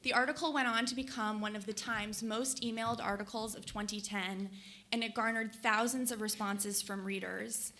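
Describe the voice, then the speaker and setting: Reading from notes in a conference hall, a young book editor from Colorado, USA, delivers an earnest, enthusiastic prepared speech to a conference audience. Her voice is fairly high, pushed and bright, with a steady tone at normal speed.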